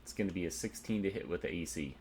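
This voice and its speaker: A man's voice: sits low, quick pace, darkish tone, a little hiss or hum. A man narrating a tabletop game as game master, methodically explaining rules and dice rolls.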